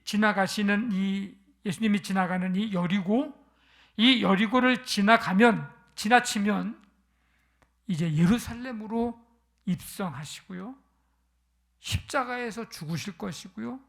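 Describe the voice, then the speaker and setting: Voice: mid-range voice, a little slow, vocal fry, a bit bright. A pastor giving a Sunday sermon, retelling a scripture story and asking the congregation rhetorical questions.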